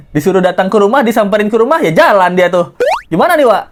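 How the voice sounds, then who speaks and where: A man's voice: high-pitched, lively intonation, a little fast, soft background music. A man hosting a casual gossip reaction commentary, teasing and laughing often as he jokes. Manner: mocking, laughs often, jokey wordplay. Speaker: commentary host.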